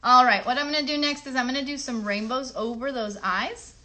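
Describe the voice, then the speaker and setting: Her voice sits high and comes out pushed and bright, with a steady tone and a slightly fast pace. As host of a children's craft stream, she chats through each step simply and often asks her young viewers how they're doing, keeping things encouraging.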